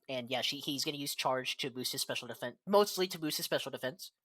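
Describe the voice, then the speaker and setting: A man running a tabletop game as game master, talking casually, halting and clearing his throat often. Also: mid-range voice, a bit bright, no room sound.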